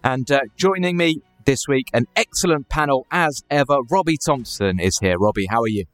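A man's voice: mid-range voice, animated, a little fast, no room sound, soft background music. A man hosting a football podcast in a conversational presenting style. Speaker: podcast host.

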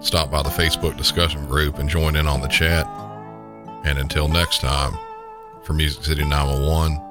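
A man with a deep Southern US accent, hosting a podcast in scripted true crime narration. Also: little pitch movement, normal speed. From southern United States. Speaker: podcast host. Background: guitar music.

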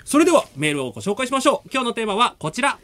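A man from the Tokai region of Japan, co-hosting a radio show and chatting casually with animated storytelling. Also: very high voice, rapid-fire, dry recording. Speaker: radio host. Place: radio studio.

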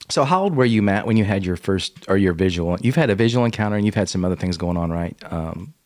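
A man's voice: sits low, expressive, a little fast. A man co-hosting a podcast, chatting casually and asking questions in an easygoing way. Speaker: podcast co-host.

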